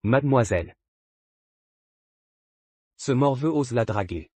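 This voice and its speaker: A man dubbing a proud, jealous young prince in a drama, stern and clipped, with a husky voice. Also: mid-range voice, expressive, slow, dark tone, no room sound. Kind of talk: dubbed short-drama acting.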